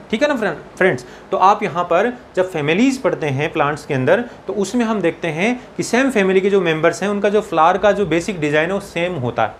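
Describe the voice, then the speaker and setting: A man teaching biology for an entrance exam, mixing Hindi and English, slowing down to dictate textbook lines and often checking in with his students. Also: sits high, a little hiss or hum. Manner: slows down to dictate English textbook lines, keeps asking "ठीक है ना". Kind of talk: exam-prep lecture, Hindi mixed with English.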